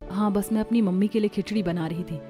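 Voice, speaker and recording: A woman voicing a timid young woman in love, speaking softly and with worry, in a cartoon story. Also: medium pitch, fairly even intonation, fast talker, faint music behind, natural voice. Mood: worried. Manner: soft, worried and hushed.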